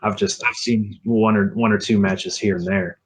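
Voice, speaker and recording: A man speaking in character during a tabletop game, offhand and easygoing. His voice is very low. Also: fairly even intonation, moderate pace, a little hiss or hum. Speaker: player.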